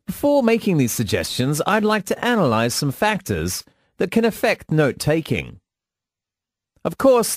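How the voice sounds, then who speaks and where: A man delivering a scripted instructional monologue in a measured, formal teaching manner. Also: high voice, no echo, studio quality. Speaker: lecturer.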